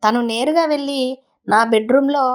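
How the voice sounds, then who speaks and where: A woman narrating a first-person story in a conversational, unhurried way, with small restarts. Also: high-pitched.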